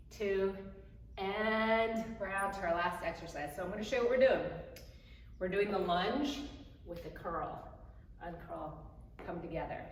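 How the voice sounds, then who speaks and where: A woman fitness instructor coaching a home workout, counting reps and cueing moves in short, encouraging phrases. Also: medium pitch. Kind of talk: home workout coaching while demonstrating exercises. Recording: very echoey room, distant mic, faint noise.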